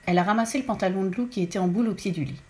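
A woman narrating a children's story in a lively, expressive reading voice. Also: mid-range voice, racing.

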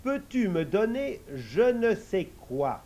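A man's voice: high-pitched, big pitch swings, takes it slowly, mellow, lo-fi sound, pitched above the performer's own voice, exaggerated voice. A man voicing a simple, cheerful young man in a storybook, speaking in a raised, naive voice.

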